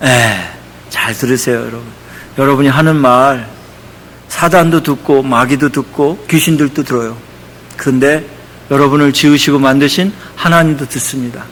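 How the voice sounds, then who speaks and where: A man's voice: medium pitch, steady tone, moderate pace, a bit bright, a little hiss or hum. A male pastor preaching a sermon in a church sanctuary, emphatic and conversational, often acting out quotes. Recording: echoey church hall.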